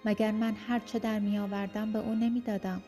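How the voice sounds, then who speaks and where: A woman's voice: mid-range voice, flat delivery, dark tone, faint music behind, lightly acted. A woman voicing a bitter, defiant young enslaved man who protests angrily.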